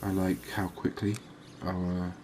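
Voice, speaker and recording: Here a gaming video host gives soothing ASMR narration over gameplay. His voice is deep and extremely flat, delivered quietly in long, leisurely phrases against faint background noise.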